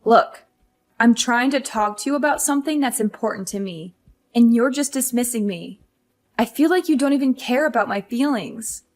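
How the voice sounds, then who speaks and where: Woman voicing a fed-up young wife, highish voice, exasperated and pleading, animated story. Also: moderate pace, close to an everyday voice. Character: frustrated young career wife.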